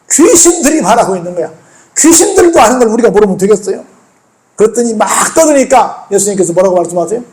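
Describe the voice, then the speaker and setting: A man's voice: very high voice, a little mellow. A male pastor preaching a sermon in church, telling the story conversationally and peppering the congregation with rhetorical questions.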